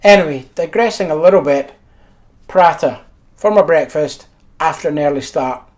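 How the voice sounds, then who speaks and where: A man's voice: on the high side, moderate pace, a little mellow. A middle-aged Scottish man narrating a casual travel vlog, chatty and telling stories with dry humour. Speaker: travel photography vlogger.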